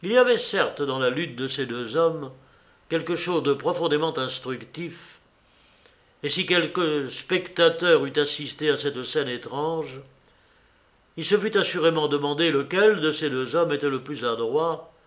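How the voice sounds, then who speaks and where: A man reads a novel aloud in a measured, calm way, keeping a slow, unhurried pace. His voice sits a little higher than most men's, steady through the narration. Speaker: audiobook reader.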